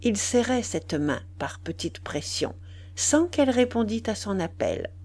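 Slow, measured woman reading a novel aloud. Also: mid-range voice, big pitch swings, a little mellow. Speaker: reader. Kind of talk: scripted narration of a classic novel.

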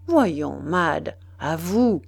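A woman's voice: low-pitched, lively intonation, drawn-out words, gravelly, breathy edge, dry recording, pitched below the performer's own voice, exaggerated voice. A woman reading the lines of a jealous young husband who keeps pressing and teasing his wife, in a storybook reading. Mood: insistent, teasing. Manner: coaxing, pressing, mocking.

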